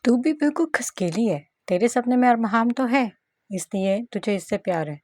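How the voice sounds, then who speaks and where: A woman's voice: on the high side, lively intonation, moderate pace, mellow, no echo, clean studio sound. Woman voicing a brash teasing gangster husband. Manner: street slang, mocking banter.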